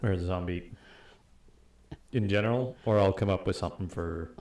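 A man, the host's son, chiming in with low-key dry jokes, picked up by his mother's microphone so he sounds distant and hollow, as if in a tunnel. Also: normal speed, darkish tone. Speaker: host's son, helping on a live painting show. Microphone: picked up by his mother's more sensitive microphone from off to the side.

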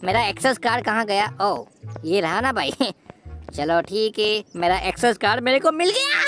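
A woman voicing an excitable, boastful boy cartoon hero while commenting on a game, teasing and shouting at the villain. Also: mid-range voice, moderate pace, over music, natural voice. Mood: excited. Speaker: gameplay commentator. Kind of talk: playful gameplay commentary in character.

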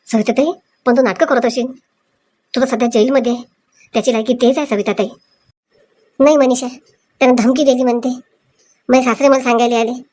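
A woman acting in a comic village sketch, talking briskly and scolding. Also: sits high, darkish tone.

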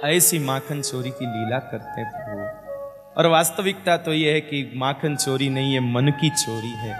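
A man telling a devotional scripture story in a folksy, animated way. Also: mid-range voice, measured pace. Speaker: religious storyteller. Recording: echoey hall with faint music.

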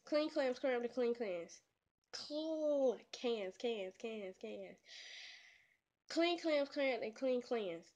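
A woman vlogger, attempting tongue twisters in a casual challenge video, playful and teasing. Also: a little high. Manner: playful, trash-talking, laughs at her own slips.

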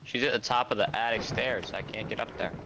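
A man's voice: on the low side, fairly even intonation, fairly quick. A man chatting casually as a player in a co-op game. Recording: noisy game voice chat.

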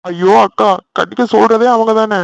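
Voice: medium pitch, fairly even intonation, normal speed, gravelly, lightly acted. A performer voicing a whiny, pleading young man who is the younger brother in a family cartoon. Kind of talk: cartoon voice acting.

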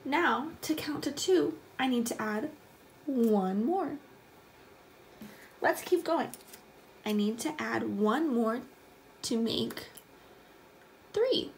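A woman's voice: a little high, slow, long pauses, rough recording. A woman in her twenties teaching young children like a kids show host, in simple, encouraging questions. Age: 20s. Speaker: elementary math teacher. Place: small room at home, indoors. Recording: clear background noise, room ambience.

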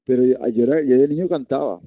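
A man's voice: fast talker, no room sound, phone-quality sound. A man teaching a Reiki lesson, earnest, often repeating and restarting his words. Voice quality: deep voice. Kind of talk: online lesson.

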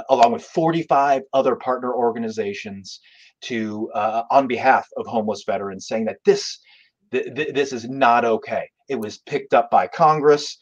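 A man speaking as an advocacy guest, earnest and halting. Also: medium pitch. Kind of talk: interview answer. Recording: dull lo-fi remote audio.

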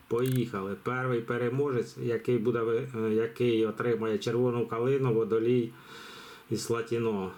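A man with a mid-range, slightly mellow voice hosts a live giveaway on his channel. He rambles and chats casually, full of fillers and restarts, in the style of loose live commentary.

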